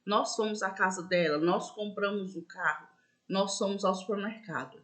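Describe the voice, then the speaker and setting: A woman teacher gives a school lesson in a patient, repetitive way, often checking in with "né?" and slowing down to stress example words. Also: mid-range voice, fairly bright tone. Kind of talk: school lesson explaining accents.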